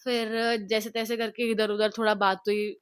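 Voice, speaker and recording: A young woman vlogger telling a personal story to camera in a casual, animated way, mixing English words into her speech. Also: medium pitch, moderate pace, smooth. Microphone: clip-on mic, later camera mic after battery died.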